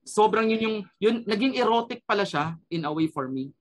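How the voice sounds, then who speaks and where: A man's voice: high-pitched, animated, moderate pace. A man sharing an earnest personal testimony as a radio program guest, switching between Tagalog and English and often adding a questioning "no?".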